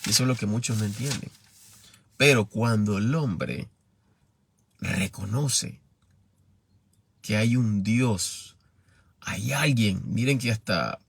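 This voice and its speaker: A man with a Nicaraguan accent preaching a Bible teaching sermon, measured and often asking the listeners for agreement. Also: fairly low pitch, gravelly, breathy edge, no echo. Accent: Nicaraguan Spanish.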